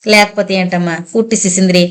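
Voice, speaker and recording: A woman's voice: mid-range voice, steady tone, fast talker, clean tone, natural voice. Woman reading as a scornful grumbling maid.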